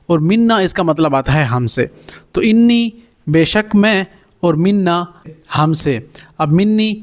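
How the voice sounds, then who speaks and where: A man teaching Quranic Arabic in a recorded lesson, saying Arabic phrases slowly and then explaining them in plain terms. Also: fairly high pitch.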